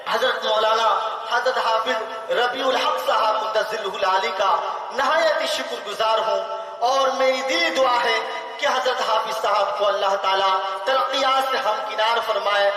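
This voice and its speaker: A man's voice: sits high, bright, forceful tone. A man from India, an Islamic cleric, preaching fervently to seminary students and building his points by repeating phrases. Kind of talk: impassioned sermon. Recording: echoey hall, voice from far off.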